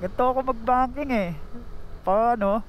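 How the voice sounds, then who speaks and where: A man's voice: very high voice, normal speed, a little hiss or hum. A Filipino man giving casual, exclamatory commentary in short bursts as he rides a motorcycle outdoors. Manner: exclamatory, talking in short bursts while riding. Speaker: motorcycle vlogger. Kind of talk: casual ride commentary to viewers and riding companions.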